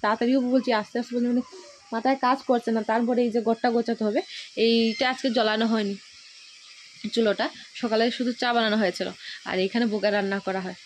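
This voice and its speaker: A woman's voice: a little high, steady tone, fast, slight background noise. A woman with a Sylheti-influenced Bengali accent, from Assam, chatting casually to viewers while filming at her village home. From Assam, India. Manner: chatty, addresses viewers as friends. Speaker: vlogger. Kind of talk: casual home vlog narration. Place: village home kitchen and yard.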